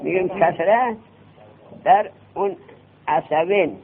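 A man teaching a classroom grammar lesson, quizzing his students with quick questions. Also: high voice. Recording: tinny lo-fi classroom recording.

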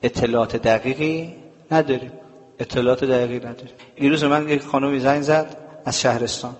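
A man's voice: medium pitch, fairly even intonation. A male preacher delivers a sermon to a live audience, with a mid-range voice that carries a long, ringing hall reverb. He speaks emphatically and drives each point home with rhetorical questions he answers himself. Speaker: religious preacher.

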